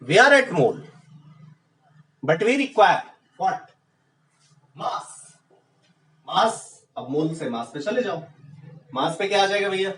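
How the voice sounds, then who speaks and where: High-voiced man teaching chemistry. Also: big pitch swings, drawn-out words, pauses often, a bit bright, reverberant, distant mic, rough recording. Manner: rhetorical questions, urging students on. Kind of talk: exam-prep lecture.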